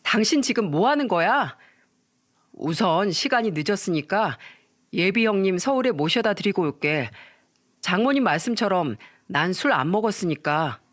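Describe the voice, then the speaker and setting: A woman playing a calm, patient young husband. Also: medium pitch, moderate pace, no echo, studio quality. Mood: placating.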